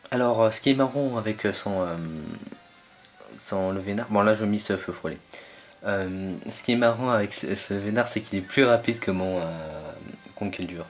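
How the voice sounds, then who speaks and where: A man's voice: on the low side, moderate pace, soft background music. A young man commentating his own online battle game match, hesitant and full of fillers as he searches for names.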